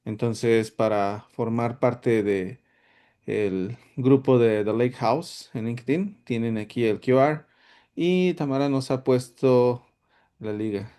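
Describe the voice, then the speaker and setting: With a slow, mellow, clean-toned voice in the mid range, a man presents a webinar as host of an online tech workshop. The solutions architect sounds hesitant, often using fillers and restarting his sentences.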